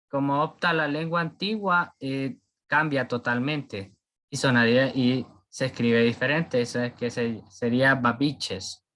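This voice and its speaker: Bright-voiced man giving a halting presentation. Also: mid-range voice. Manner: halting, searching for words mid-sentence. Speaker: presenter explaining a topic. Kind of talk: informal class presentation.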